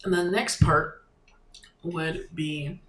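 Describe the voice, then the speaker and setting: A creator walks viewers through building a site in a relaxed screen-share lesson, pausing and thinking aloud between clicks. The voice sits at a middle pitch, and the room around it rings with a noticeable echo. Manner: loose and halting, thinking aloud while clicking through steps. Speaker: online creator and business coach. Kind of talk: casual screen-share tutorial. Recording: echoey room with faint ambience.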